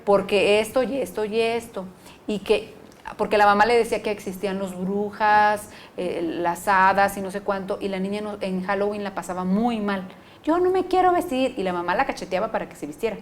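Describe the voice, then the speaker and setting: A woman's voice: medium pitch, brisk, slight background noise. A woman psychologist lecturing an audience, acting out what parents and children say. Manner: lively, acts out quoted parents and children.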